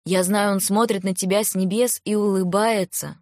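A woman reading the part of a gentle older mother-in-law who speaks slowly and tenderly. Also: mid-range voice, steady tone, no echo, clean studio sound, natural voice. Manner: tender, slow and soothing.

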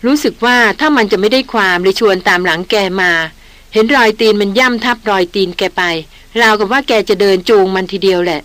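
A gruff veteran hunter who speaks in short, blunt lines, as a woman reads him out. His voice is dropped a little lower than the reader's own, and the sound is dry and close. It is a storybook reading. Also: brisk, fairly bright tone, no room sound, lightly acted. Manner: curt, terse. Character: gruff veteran male big-game hunter.

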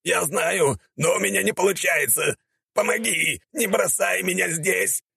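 A man voicing a cowardly male warrior of light who squeals and wails in a shrill, strained voice. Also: steady tone, extremely slow, vocal fry, bright, forceful tone, husky, no room sound, clean studio sound, full character voice. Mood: panicked pleading.

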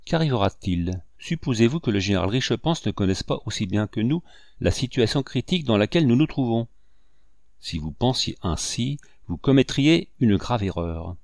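A man voicing a proud, bitter rebel commander who speaks in solemn, measured oratory. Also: mid-range voice, very animated, creaky, darkish tone, no room sound, studio quality. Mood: grave, persuasive.

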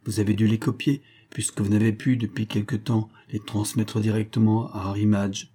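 A man's voice: fairly low pitch, flat delivery, moderate pace, warm tone, husky. A man voicing a cold, authoritative male billionaire who gives curt orders in a raised voice. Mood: icy, commanding.

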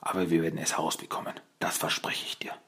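A man voicing an old, wise male rat master in an audiobook, talking in a hushed, steady whisper. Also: very deep voice, quick pace, vocal fry, husky, heavily acted. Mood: hushed reassuring.

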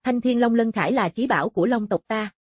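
A woman voicing a proud young dragon-clan princess in an audiobook, cool and composed in manner, in a slightly husky voice. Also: on the high side, fast talker, no room sound. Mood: calm.

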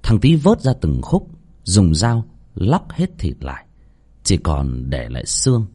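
A man narrating a horror story in an expressive, dramatic way. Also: sits low, measured pace, breathy edge.

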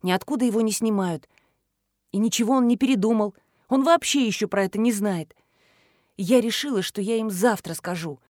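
A gentle, earnest teenage girl, as a woman narrator plays her. Her voice sits at an ordinary middle pitch, sincere and pleading rather than loud. The read is dry and close-miked. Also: normal speed, no echo, close to an everyday voice. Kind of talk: audiobook character voice.

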